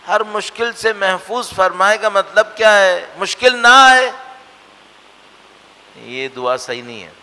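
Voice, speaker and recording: Earnest preacher, bright voice in a hall. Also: male voice, high voice, animated, takes it slowly. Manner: earnest, rhetorical questions, swings between emphatic and hushed. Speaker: religious lecturer. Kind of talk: religious lecture. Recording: long hall reverb.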